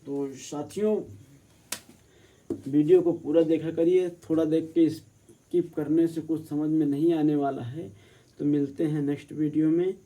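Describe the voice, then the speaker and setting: Dark-toned man teaching spelling slowly. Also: a little high, fairly even intonation. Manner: slow, drawn-out word by word correction. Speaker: exam-prep teacher. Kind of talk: spelling lesson for exam prep.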